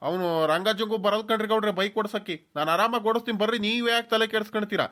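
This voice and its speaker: Man playing a cocky young village biker, quick and high, cartoon. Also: steady tone, sharp tone. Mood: breezy. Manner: breezy, reassuring.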